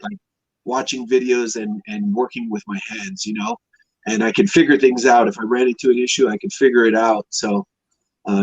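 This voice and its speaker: This is a classic car restorer from Hawaii, a man in his fifties, sharing personal anecdotes as a podcast guest in a rambling, easygoing way. His medium-pitched voice is slightly rough and has no echo, and the connection sounds dull, dry, and lo-fi.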